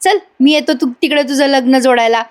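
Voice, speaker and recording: A woman's voice: high voice, brisk, natural voice. Woman doing a gutkha-chewing village youth. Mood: swaggering. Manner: mumbling, swaggering. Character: gutkha-chewing cocky young village man.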